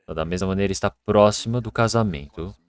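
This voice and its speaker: A male pastor preaching a Sunday sermon in an earnest way that grows lively when he tells everyday stories. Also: low voice, quick pace, smooth.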